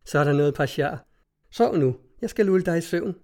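Guy doing a teasing young woman, sing-song and a bit higher, storybook reading. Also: animated, darkish tone. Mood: tender.

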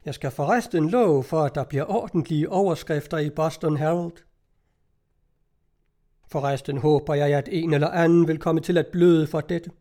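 A devout, fretful old aunt, voiced by a man reading a novel aloud talks on in a chatty way. The tone is mellow and sits a little high, and the storybook delivery stays close to a plain reading voice. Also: natural voice. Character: fussy elderly aunt, devout and talkative.

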